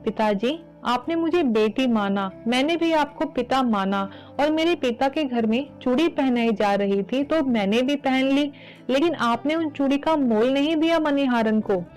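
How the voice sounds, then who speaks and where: Woman reader doing a gentle, sad goddess-daughter in a devotional tale, higher voice, faint music behind. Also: unhurried, low-quality recording. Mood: sad, reproachful. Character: divine young girl goddess, gently sorrowful.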